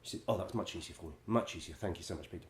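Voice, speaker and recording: A man, a musical director and vocal coach, telling wry stories in a chatty way, laughing often and filling pauses with ums. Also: low-pitched, echoey room, a little hiss or hum. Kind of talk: casual anecdote-telling.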